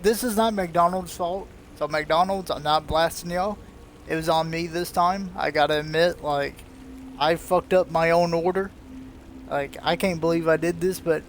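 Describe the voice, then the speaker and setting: A young male streamer chatting casually and rambling, swearing freely and laughing at his own mishaps. His voice sits a bit high, with faint noise in the room behind him. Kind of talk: casual live-stream chat.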